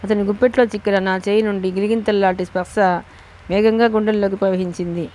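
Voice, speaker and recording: A woman reading a novel aloud as an audiobook narrator in steady, expressive first-person narration. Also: medium pitch, fast.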